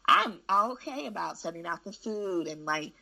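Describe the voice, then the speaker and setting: A woman's voice: mid-range voice, moderate pace, creaky, low-quality recording. A woman who works in school administration, candidly telling stories in casual conversation. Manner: candid, frank, animated storyteller with frequent restarts.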